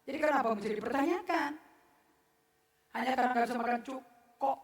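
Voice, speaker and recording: A woman's voice: high-pitched, quick pace, distant mic. A woman pastor preaching a sermon to her congregation, blunt and scolding, mixing formal words with slang and jokes. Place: church service. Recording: echoey church hall.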